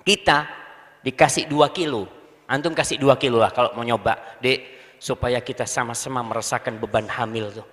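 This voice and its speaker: A man preaching a sermon to a congregation, swinging from low murmurs to high, emphatic bursts. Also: steady tone, moderate pace, a bit bright. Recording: long hall reverb.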